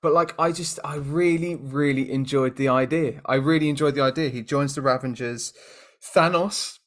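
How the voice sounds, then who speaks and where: A young British man co-hosting a casual podcast, animated and jokey, often laughing. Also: mid-range voice, moderate pace. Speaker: podcast co-host. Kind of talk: casual chat.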